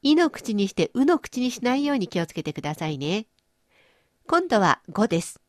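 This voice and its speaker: A woman's voice: on the high side, big pitch swings, normal speed, dry recording, clean studio sound. A woman hosting a language lesson, explaining pronunciation with playful everyday images. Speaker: language teacher and host. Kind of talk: radio-style language lesson.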